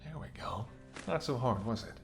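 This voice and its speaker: With faint music behind him, a man in a mid-range voice with lively intonation and a moderate pace plays a menacing, smirking mercenary and former bodyguard holding someone at gunpoint. Lightly acted and addressed to the listener, the roleplay has him taunting, sardonic and swearing, sometimes dropping to a whisper.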